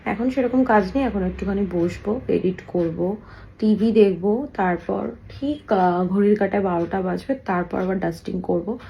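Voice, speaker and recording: A woman vlogging softly at home, chatting about her chores while someone sleeps nearby. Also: mid-range voice, normal speed, gravelly, lo-fi sound. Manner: soft, hushed talk so as not to wake a sleeper; chatty, homely running commentary on chores. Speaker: family vlogger. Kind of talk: casual vlog narration. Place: home, indoors.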